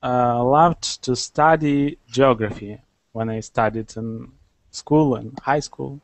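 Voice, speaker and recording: A man from Moldova speaking calmly and politely as a student in an online class. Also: mid-range voice, takes it slowly, dry recording.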